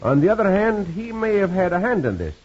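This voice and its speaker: Lively, commanding cowboy hero. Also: male voice, sits high, a little fast, a little hiss or hum. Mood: calm, decisive. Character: Cisco, confident, commanding, gallant Mexican cowboy hero. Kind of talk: old radio western acting. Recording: muffled old radio recording.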